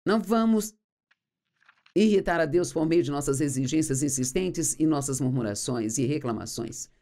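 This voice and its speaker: A woman's voice: deep voice, normal speed, dark tone. A woman giving an earnest sermon teaching as a dubbed voice-over, reading scripture aloud and explaining it. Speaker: Bible teacher.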